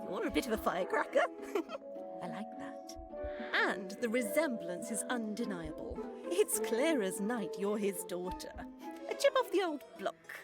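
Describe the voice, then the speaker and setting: An actress voicing an airy, new-age goddess of fate in a video game, gushing and calling everyone darling. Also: female voice, fairly high pitch, huge pitch swings, unhurried. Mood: breezy, dreamy. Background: game music.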